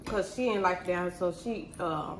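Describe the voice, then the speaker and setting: A woman's voice: fairly low pitch, a little slow. Blunt woman chatting in an echoey room. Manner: blunt, teasing, swearing. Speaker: mother hosting a family mukbang vlog. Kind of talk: casual chat while eating. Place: indoors at a table in a bright home room. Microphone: camera across the table. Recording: echoey room with background noise.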